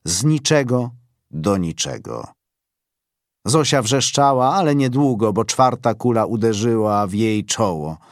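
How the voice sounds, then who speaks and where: A man giving a literary audiobook reading in a measured, sombre way. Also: mid-range voice, animated, dry recording, studio quality. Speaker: audiobook narrator.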